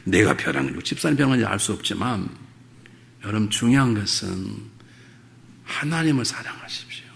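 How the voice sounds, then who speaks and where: Middle-aged man preaching, bright forceful tone, gravelly edge, jokes then urgent appeals. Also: on the low side, very animated, fairly quick. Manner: humorous storytelling, rising to fervent exhortation. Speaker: pastor. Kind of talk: revival sermon.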